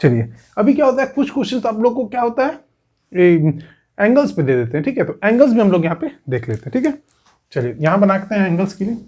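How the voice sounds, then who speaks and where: A man's voice: sits high, sing-song, quick pace, darkish tone. A male coaching teacher explaining at a whiteboard, who keeps saying "theek hai" and puts rhetorical questions to his students. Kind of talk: exam coaching lesson.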